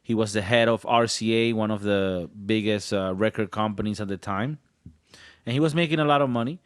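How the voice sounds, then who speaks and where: A man's voice: on the low side, fairly quick, clean tone, dry recording, clean studio sound. A man in his thirties hosting a comedy podcast, rambling playfully and hamming up his delivery. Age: 30s. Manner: playful, rambling, hams up voices. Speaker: podcast host. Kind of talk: joking comedy podcast chat.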